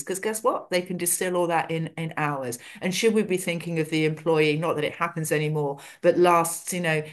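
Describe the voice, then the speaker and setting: A woman's voice: lowish voice, a bit bright. A woman hosting a podcast interview, introducing her guest with effusive enthusiasm. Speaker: podcast host.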